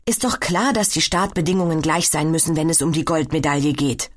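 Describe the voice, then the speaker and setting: A woman's voice: low voice, a little fast. A woman voicing a cheeky, grumpy young boy in a children's story. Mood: huffy. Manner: huffy, cheeky.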